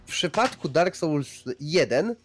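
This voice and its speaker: A man's voice: a little high, expressive, slow pace, soft background music. A man hosting a casual podcast discussion, talking in a rambling way and often repeating himself. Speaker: podcast host.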